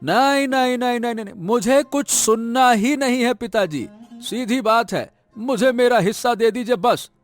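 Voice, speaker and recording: A man voicing a greedy, stubborn elder son in an animated story, talking brusquely and waving others off. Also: extremely high pitch, normal speed, faint music behind. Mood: scornful. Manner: brusque, dismissive, repeats "no, no".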